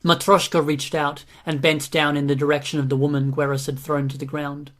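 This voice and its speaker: Audiobook narrator, male, mid-range voice, flat steady delivery. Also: on the high side, a little fast. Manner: even, steady reading. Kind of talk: scripted narration.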